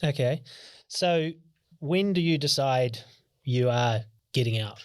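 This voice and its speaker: A man hosts a podcast interview, asking steady questions and guiding the story along. His delivery stays calm and even. The sound is dry and close to the mic. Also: medium pitch, slow, no room sound.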